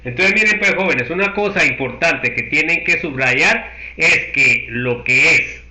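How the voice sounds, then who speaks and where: A man's voice: a little high, measured pace, pushed and bright. A man teaching a university chemistry class. He works through each step and keeps checking that the class follows. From Guatemala. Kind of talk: university lecture. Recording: echoey room.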